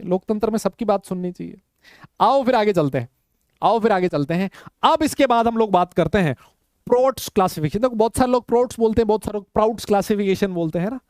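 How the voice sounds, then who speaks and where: A man's voice: high-pitched, a little mellow, no room sound, studio quality. A man teaching a live online chemistry class, teasing and bantering with his students as he explains. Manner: teasing, banters with students in Hindi-English mix.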